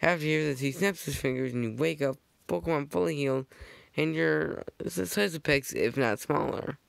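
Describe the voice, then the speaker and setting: A man's voice: on the high side, normal speed, gravelly, dry recording. A man casually narrating a fan-made slideshow, rambling with jokey asides and frequent self-corrections on a close microphone.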